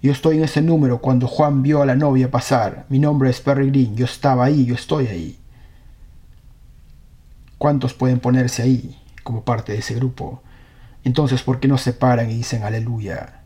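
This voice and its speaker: A man's voice: medium pitch, steady tone, moderate pace, warm tone. A man preaching a sermon, reading scripture aloud and earnestly questioning his congregation.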